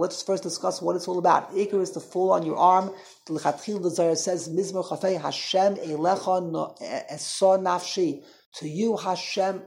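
Gravelly-voiced rabbi teaching a class. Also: male voice, sits high. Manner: animated, repetitive, mixes Hebrew and Yiddish terms. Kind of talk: informal Torah class.

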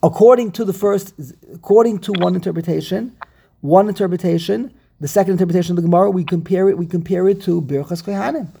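A man teaches a religious lesson over a video call while his audio glitches and breaks up. His voice is gravelly and a little husky. He repeats the start of his phrases before he gets the point out. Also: high voice, warm tone. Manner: explains slowly with many repeated starts. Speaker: rabbi teaching a class.

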